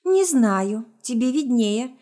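A woman reading aloud puts on a jealous young woman close to hysteria. Her voice pitches high and loud, shrill and accusing, pushed well above the calm narration. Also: takes it slowly. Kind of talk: audiobook reading of a story.

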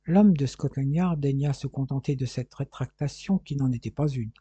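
A man reading an adventure novel aloud in a steady storytelling manner. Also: medium pitch, normal speed, breathy edge, no echo. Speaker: audiobook narrator. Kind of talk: audiobook reading.

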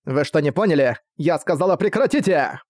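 A man's voice: fairly high pitch, fast, darkish tone, no room sound, studio quality, natural voice. A man voicing a haughty, cruel young female villain in an audiobook, cold and scornful. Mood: furious. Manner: cold, scornful, spitting words. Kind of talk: audiobook character voice.

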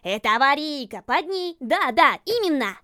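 A woman's voice: high-pitched, sing-song, moderate pace, bright, forceful tone, heavily acted. A woman doing a brash, reckless girl driver. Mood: bossy. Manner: bossy and brash, barking orders. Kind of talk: storybook reading.

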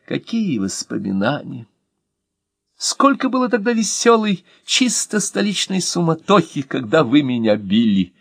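A wistful old former cardsharp who gushes over the past, as a man reading the story puts him on. His voice leaps high and falls back with emotion. Recorded dry and close. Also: very animated, a little slow, vocal fry, no echo, heavily acted.

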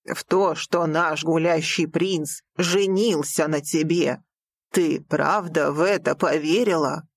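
A woman voicing a distraught, stern father in an audiobook, speaking in a slow, heavy, scolding way. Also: on the low side, gravelly, husky, dry recording, full character voice. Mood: scornful. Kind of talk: audiobook character voice.

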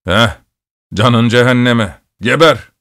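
A man voicing a rough, hungry soldier who barks out insults in a gruff voice. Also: low voice, animated, moderate pace, dry recording, studio quality. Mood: gloating.

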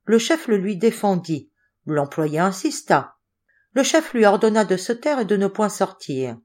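A woman's voice: medium pitch, big pitch swings, a little slow, darkish tone, voice pushed up. A woman reading the part of a sceptical, needling male office clerk who loves to scandalize his colleagues. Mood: mocking. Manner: sardonic, needling.

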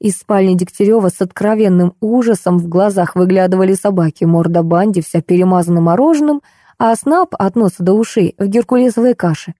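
A woman narrates a novel in a lively, ironic storytelling manner. Her voice is mellow and warm at a mid pitch, recorded close and dry like a studio audiobook. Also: fairly quick, no room sound. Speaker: audiobook reader. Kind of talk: scripted narration.

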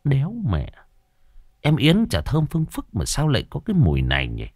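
A man voicing a lecherous old village drunk who curses, boasts and shrieks in a high, wildly swooping voice. His pitch leaps far above the narrator's, and the sound is close and dry, as in a spoken storybook. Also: huge pitch swings, moderate pace, a little mellow, dry recording. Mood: groggy puzzled. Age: older.

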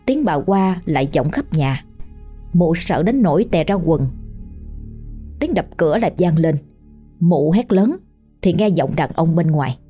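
Woman horror storyteller, slow and dark, husky, faint music under. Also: on the low side, animated. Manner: slow, hushed and ominous. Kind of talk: scripted horror narration.

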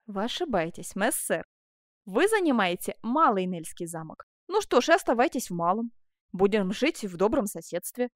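A woman voicing a passionate middle-aged master sculptor, exclaiming loudly in an audiobook reading. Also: medium pitch, very animated, moderate pace, no echo, clean studio sound, lightly acted. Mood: mocking. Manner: impassioned, exclaiming.

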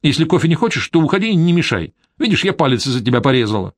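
A man's voice: a little high, big pitch swings, rapid-fire, no room sound, pitched above the performer's own voice. A man reading an audiobook, voicing a stubborn, secretive older woman housekeeper who grumbles and refuses curtly. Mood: stubborn, irritated.

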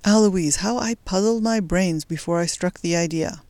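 A daring young resistance fighter, voiced by a reader, who talks in a brisk, determined way. He stays tender with his sweetheart, and his lines come through clean and dry, with no room sound, like a close storybook reading. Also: mid-range voice, darkish tone, no echo, close to an everyday voice. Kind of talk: audiobook character voice.

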